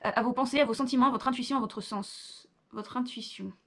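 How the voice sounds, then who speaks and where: A woman's voice: on the high side, brisk. A young woman, reading quiz questions aloud and answering with offhand asides in a casual vlog. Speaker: vlogger.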